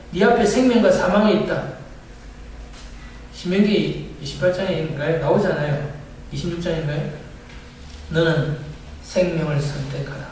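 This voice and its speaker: A man's voice: high-pitched, darkish tone, slight background noise. A male pastor giving a sermon, often asking the congregation questions and answering them himself. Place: church sanctuary. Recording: echoey church hall from far off.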